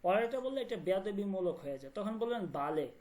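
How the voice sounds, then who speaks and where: A woman teaching a language class online, explaining words slowly and often asking whether students follow. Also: medium pitch, expressive, darkish tone. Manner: repeats words and checks understanding often.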